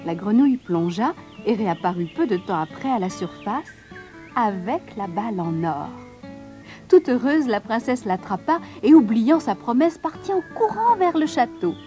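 A woman narrating a fairy tale in a high, lively, sing-song voice. Her reading is expressive and scripted, with a plucked guitar playing softly behind. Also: normal speed. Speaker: storyteller.

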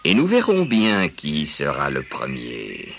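A man voicing a sly, hungry big bad wolf in a storybook reading, talking in a slow, drawn-out growl. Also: a bass voice, wildly swooping pitch, creaky, a bit bright, slight background noise, full character voice. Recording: music bed under voice.

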